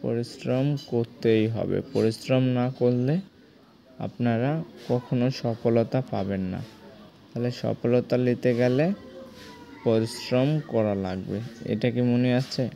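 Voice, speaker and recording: A man who teaches cartoon animation walks viewers step by step through a drawing in a screen-recorded lesson, repeating himself and checking they follow. His voice is medium-pitched, steady and mellow, with vocal fry, and he takes it slowly. His manner is repetitive and coaxing, and he addresses viewers directly.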